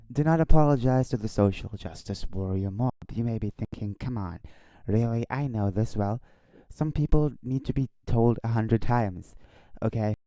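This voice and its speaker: A man giving casual off-the-cuff video commentary in a halting, repetitive way, stumbling over his words. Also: on the low side, dark tone, no echo. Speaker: online commentary video host.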